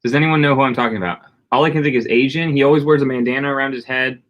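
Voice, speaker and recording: A man's voice: medium pitch, racing, fairly bright tone. A man co-hosting a casual livestream, rambling and greeting viewers in the chat by name. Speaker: livestream co-host.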